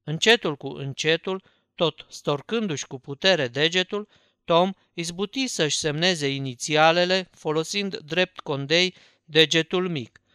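A man reading a story aloud as an audiobook narrator, with measured storytelling delivery. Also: on the high side, pushed and bright, smooth, no room sound, studio quality.

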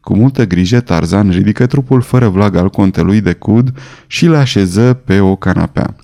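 A man reading a novel aloud in measured, dramatic audiobook narration. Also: on the low side, creaky, warm tone. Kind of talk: scripted narration.

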